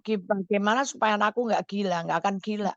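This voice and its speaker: A woman counselor on a radio call-in show, giving motherly advice in a lively, caring way. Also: medium pitch, fast talker, no room sound, highs cut off.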